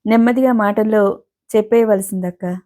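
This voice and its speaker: A woman voicing a gentle, affectionate young woman who speaks sympathetically in a storybook reading. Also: medium pitch, fairly even intonation, moderate pace, close to an everyday voice.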